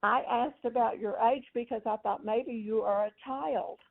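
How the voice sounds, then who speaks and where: A woman's voice: a little high, moderate pace, gravelly. Scolding woman on a tinny phone line. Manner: stern, scolding, lecturing. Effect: heard over a phone line. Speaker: prank call target. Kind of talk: phone argument.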